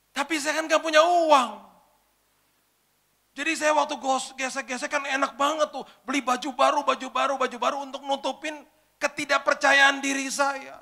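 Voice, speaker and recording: A man preacher voicing a distressed young woman in debt, who shouts and sobs her bitter complaints. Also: flat delivery, normal speed, gravelly, exaggerated voice. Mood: tearful, bitter. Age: young adult. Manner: shrill, shouting, sobbing complaints.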